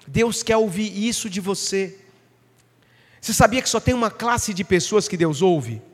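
A man's voice: high voice, expressive, unhurried, husky, big-room sound. A man preaching a sermon, emphatic and asking his listeners questions. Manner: emphatic, asks the congregation questions.

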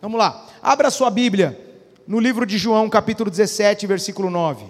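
A man's voice: sits high, brisk, long reverb tail. A male pastor preaching a sermon, often asking the congregation questions and waiting for their answers. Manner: preaching with frequent call-and-response questions to the congregation. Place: church.

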